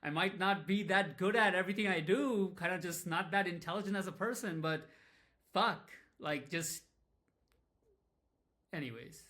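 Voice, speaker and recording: A man with a somewhat high voice rambles through a casual vlog about his business. He speaks candidly and swears freely, often running himself down. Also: moderate pace, pauses often, bright, forceful tone. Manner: rambling, candid, profane, self-deprecating. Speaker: small business owner vlogging.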